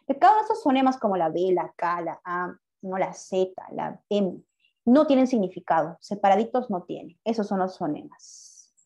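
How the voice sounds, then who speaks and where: A woman's voice: medium pitch, very animated, moderate pace, dark tone. A woman teacher, giving a class and asking her students questions, then praising their answers. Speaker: language teacher. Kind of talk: online class lesson.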